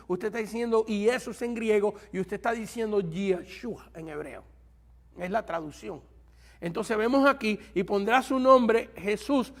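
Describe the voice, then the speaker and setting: A man teaches a Bible seminary class in a high voice with a gravelly, creaky edge. He keeps asking his listeners questions and then answers them himself. He often pauses mid-sentence while he looks for the best way to say something. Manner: pauses to search for words; asks the class rhetorical questions. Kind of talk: Bible study lecture.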